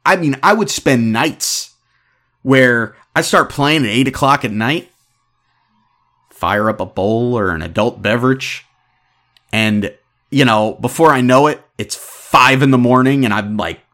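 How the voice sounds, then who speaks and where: Speaking at a measured pace and medium pitch, a man in his 30s hosts a podcast and rants about sports with lively, exasperated opinions.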